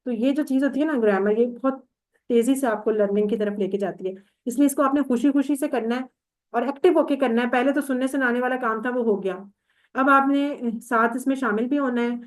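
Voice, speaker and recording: Patient woman teaching an online class. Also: high voice. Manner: patient, explains step by step and quizzes students.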